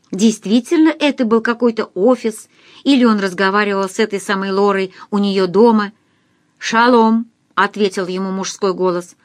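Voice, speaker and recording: A woman narrating an audiobook in an even, expressive reading. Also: medium pitch, dry recording. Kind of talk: scripted literary narration.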